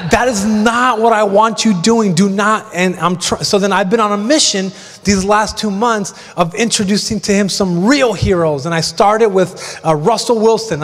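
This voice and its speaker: A middle-aged male pastor preaching a sermon in a large church, telling chatty, self-deprecating stories with animated asides. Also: sits high. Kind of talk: sermon with humorous storytelling. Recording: long church hall reverb.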